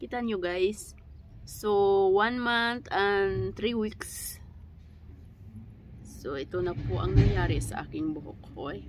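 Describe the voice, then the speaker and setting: A woman's voice: mid-range voice, takes it slowly. A woman vlogging casually in her backyard, chatty and teasing with lots of exclamations. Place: backyard outdoors. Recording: loud background noise. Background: barking dog.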